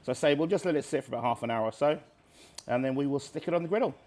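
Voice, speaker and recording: A man's voice: mid-range voice, very fast, darkish tone. Man explaining food informally. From Barbados. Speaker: street-food cook. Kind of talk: casual cooking demonstration.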